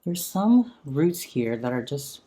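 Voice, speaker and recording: A man talking casually while repotting a houseplant at home, gently enthusiastic, speaking into a sensitive close mic turned up for ASMR. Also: on the high side, very animated, slow. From San Francisco area. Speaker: plant vlogger. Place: home room with a chandelier.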